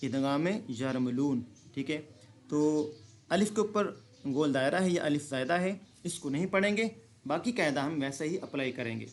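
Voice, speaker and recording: A man teaching Quran reading, explaining pronunciation rules and then slowly reciting words, often asking and answering his own questions. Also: fairly high pitch, expressive. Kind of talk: slow recitation lesson.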